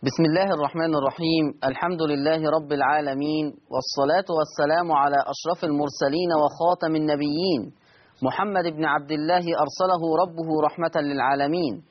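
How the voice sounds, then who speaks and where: Egyptian male teacher hosting a recorded lesson; quick, explanatory, fairly high-pitched, intones examples slowly. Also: steady tone, muffled recording. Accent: Egyptian Arabic. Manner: explanatory, repeats key phrases, slows to intone example words. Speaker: Quran recitation teacher and host.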